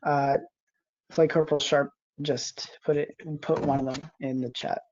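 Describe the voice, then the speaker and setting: A cadet flight sergeant giving a lesson over a video call, hesitant and monotone. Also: mid-range voice, a little slow. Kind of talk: online class lesson. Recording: muffled video call audio.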